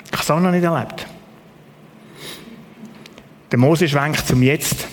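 A man's voice: a little high, takes it slowly, long reverb tail, slight background noise. A man preaching a sermon with a Swiss German accent, telling the story vividly and acting out its dialogue.

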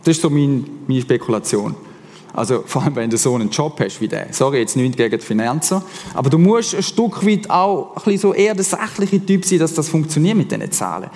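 A man with a Swiss German accent preaching a casual, animated sermon as pastor. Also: a little high, brisk. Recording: long hall reverb.

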